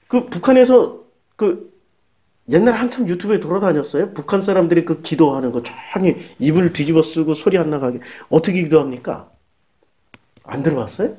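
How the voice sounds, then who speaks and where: A male pastor preaching a sermon in a lively, colloquial way, firing off rhetorical questions. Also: high-pitched. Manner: animated, colloquial, rhetorical questions, acts out prayers.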